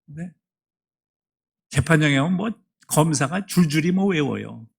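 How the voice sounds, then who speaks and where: Gravelly middle-aged pastor preaching emphatically. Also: male voice, on the high side, lively intonation, a little slow. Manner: emphatic preaching, swings from hushed to loud. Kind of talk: sermon. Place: church sanctuary.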